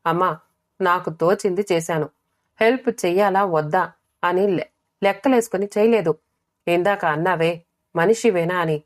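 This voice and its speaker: A woman's voice: fairly low pitch, moderate pace, long pauses, lightly acted. A woman voicing an earnest young younger sister explaining herself to her family.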